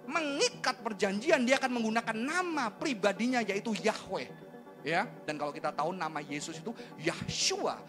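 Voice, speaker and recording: A man preaching a sermon in a lively, conversational way, tossing rhetorical questions and casual slang at the congregation. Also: sits high. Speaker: pastor.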